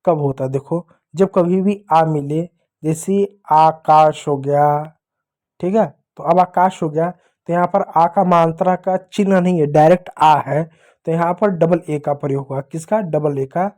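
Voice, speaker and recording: A man with a mellow, dark voice addresses young pupils patiently. He goes over each point more than once and slows right down to spell letters one at a time. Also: a little high, fairly even intonation. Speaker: English teacher. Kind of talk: explaining to children.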